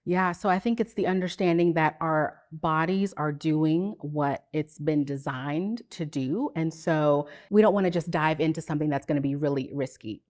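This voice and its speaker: A woman psychotherapist on a podcast, explaining things in a measured, teacherly way. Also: low-pitched, a little mellow. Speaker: psychotherapist guest. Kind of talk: podcast interview.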